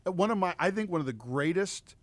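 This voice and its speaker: A man speaking as a guest on a podcast, telling stories in an animated, enthusiastic way. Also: high-pitched, fairly quick, no room sound. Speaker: podcast guest, state legislator. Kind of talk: casual podcast chat.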